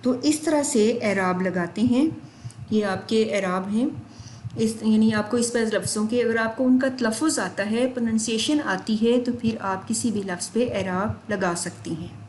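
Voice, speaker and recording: A young woman teaching a lesson to students, patiently explaining step by step and spelling out words slowly. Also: a little high, a little mellow. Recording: echoey room, faint background noise.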